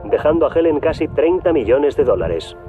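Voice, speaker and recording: Guy narrating a true-crime doc, steady and even, sounds tinny like a phone, music under it. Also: a little high. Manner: measured, even storytelling delivery. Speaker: documentary narrator. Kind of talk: scripted documentary narration. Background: background music.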